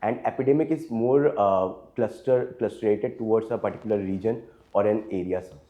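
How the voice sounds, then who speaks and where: A man's voice: lowish voice, fairly quick, mellow. A man in his twenties with an Indian English accent answering interview questions formally, hesitant with many fillers and deferential. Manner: hesitant, frequent fillers, deferential, adds "sir" often. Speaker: interview candidate.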